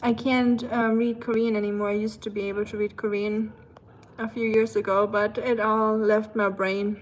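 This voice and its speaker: Over poor audio, a young livestream host with a German accent chats casually, laughs a lot, and reads out what viewers write, with playful asides mixed in. She speaks at a moderate pace, her medium-pitched voice flat.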